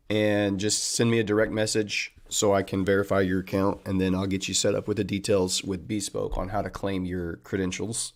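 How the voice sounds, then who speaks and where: A man hosting a trading livestream, chatting casually and upbeat with viewers and calling them man and buddy. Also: fairly low pitch.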